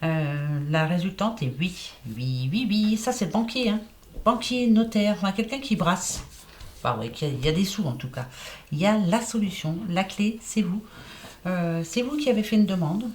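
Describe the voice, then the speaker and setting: A woman gives casual oracle card readings, chatty and repetitive, sprinkling in fillers like "hein" and "voilà." She lisps slightly. Her medium-pitched voice is animated and darkish, at a moderate pace.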